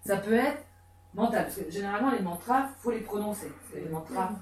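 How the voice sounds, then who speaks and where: A woman's voice: mid-range voice, a little fast. Woman giving a chatty therapy talk, lots of ums, echoey room far from the mic. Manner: animated, conversational, many fillers and restarts. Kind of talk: lively conference talk. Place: conference room.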